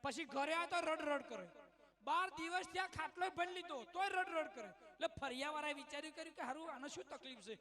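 A man with a Gujarati accent telling comic stories in an animated way, acting out the voices of the people in them. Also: very high-pitched, a little fast, a crowd in the background. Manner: animated, acts out quoted voices. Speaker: comedian. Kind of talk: stand-up storytelling.

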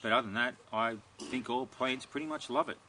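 A middle-aged man answering viewer questions about his garden in a relaxed, rambling way, recorded outdoors in a backyard. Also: medium pitch, brisk, a little hiss or hum, poor audio. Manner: relaxed and rambling, many ums and restarts. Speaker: gardening video host. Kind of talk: casual Q&A, reading viewer questions.

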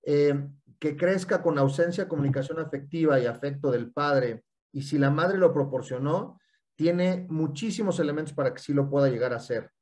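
A man with a Mexican accent explaining in casual talk, animated, often linking thoughts with "y entonces". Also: a little high, normal speed. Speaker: guest speaker.

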